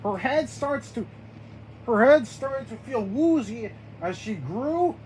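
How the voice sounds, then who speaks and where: An amateur storyteller improvises a story in a slow, halting way. They restart lines and spell out invented names. The pitch rises and falls a lot. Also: expressive, darkish tone, slight background noise, rough recording.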